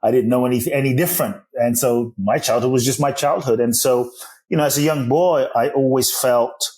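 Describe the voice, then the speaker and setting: A Ghanaian-born man in his forties, raised in London, shares his life story as a podcast guest. He is an author and speaker whose mid-range, slightly mellow voice holds a steady tone at a moderate pace. He comes across as earnest, reflective and spiritual, restarting his sentences often.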